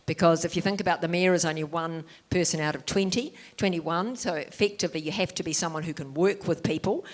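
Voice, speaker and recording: A woman speaks as a candidate at a public forum in a low voice. Her delivery is measured, with only a few pauses on fillers. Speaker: mayoral candidate.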